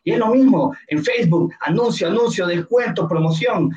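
A man's voice: sits high, normal speed, a little mellow. Chatty man, roomy sound. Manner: chatty, explains with analogies, acts out little scenes. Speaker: co-host. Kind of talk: casual podcast talk. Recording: roomy, dull lo-fi sound with faint music.

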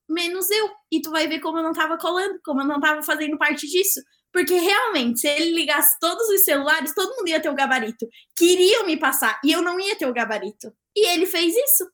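A young woman, a podcast guest, telling a story in casual chat, animated, acting out the dialogue and laughing often. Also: extremely high pitch, fast talker, hardly any pauses.

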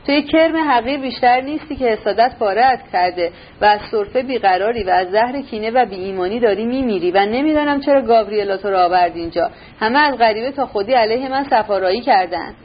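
A woman voicing an old retired general, proud and raging, who shouts indignantly. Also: on the high side, lively intonation, few pauses, slightly rough. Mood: furious. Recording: slightly dull recording, faint hiss.

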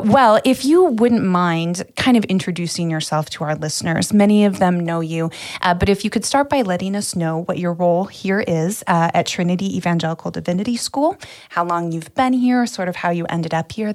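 A woman co-hosting a podcast in casual chat, teasing and quick to laugh. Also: on the low side. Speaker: podcast co-host, professor.

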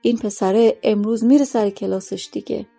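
A woman voicing a sly, respected man who speaks quietly and knowingly, in a story reading. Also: mid-range voice, steady tone, creaky, soft background music. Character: sly, respected middle-aged man, smug.

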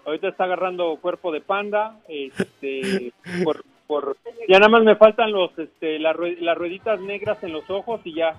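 A man with a Mexican accent, a chef on radio, explaining and chatting casually in a halting way. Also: sits high, muffled recording, faint music behind. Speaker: chef giving radio cooking tips.

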